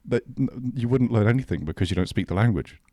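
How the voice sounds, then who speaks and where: A man's voice: mid-range voice, fast talker, a little mellow, no room sound. A man co-hosting a podcast in casual chat, laughing often and restarting his sentences. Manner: laughing, stumbling restarts, slangy. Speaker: podcast co-host.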